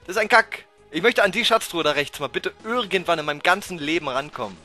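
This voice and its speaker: A man commentating a blind playthrough of a video game, excitable and prone to frustrated outbursts and swearing. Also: on the high side, fast talker, soft background music. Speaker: let's player. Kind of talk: blind let's play commentary.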